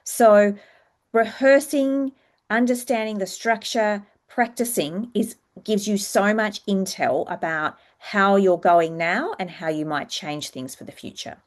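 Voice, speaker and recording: A woman working as a public speaking coach, giving a structured, instructive presentation with clear explanations. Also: medium pitch, a little slow.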